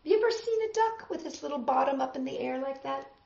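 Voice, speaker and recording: This storytime host, a middle-aged woman, reads quickly and with some vocal fry as she performs a picture book for children. Her lively, wide-ranging pitch and theatrical manner are aimed directly at her young audience. She sits on a sofa indoors in a small home room, captured with roomy, slightly muffled audio.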